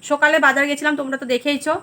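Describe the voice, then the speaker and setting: A woman vlogger with a Bengali accent, chatting casually to viewers at home about her day, rambling with many fillers, her voice a little hoarse. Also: high-pitched, level tone, racing, bright, forceful tone. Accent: Bengali (West Bengal). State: hoarse, throat going. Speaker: vlogger, housewife. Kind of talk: casual vlog chat to viewers.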